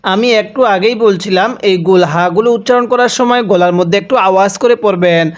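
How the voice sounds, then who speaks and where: A man teaching Quran reading, spelling out verses and reciting them slowly syllable by syllable, then explaining the rules at a quicker clip. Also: high voice. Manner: slow, drawn-out syllable-by-syllable recitation; switches to quick explanatory speech between recitations.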